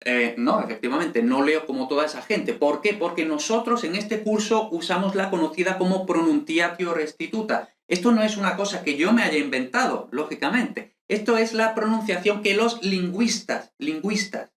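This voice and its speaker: Lively man teaching Latin. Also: sits high, moderate pace, hardly any pauses, roomy sound. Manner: lively and conversational, with many fillers and tag questions. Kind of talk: online lesson explaining over slides.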